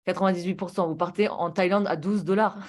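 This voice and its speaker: Eager woman pitching travel deals. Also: fairly even intonation, fast, darkish tone. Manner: enthusiastic, persuasive, full of rhetorical questions and fillers. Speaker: presenter of a travel booking platform. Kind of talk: casual sales presentation over screen share.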